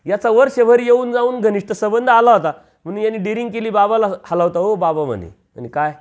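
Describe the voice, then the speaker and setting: A man's voice: sits high, animated, fairly quick. A man preaching a storytelling sermon, acting out the voices of a village parable and rising for emphasis.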